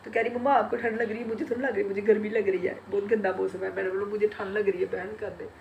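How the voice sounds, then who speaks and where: A woman's voice: medium pitch, little pitch movement, racing, gravelly, lo-fi sound, slight background noise. A middle-aged woman vlogging in casual chat, congested and sore-throated from a cold, laughing often as she retells family talk.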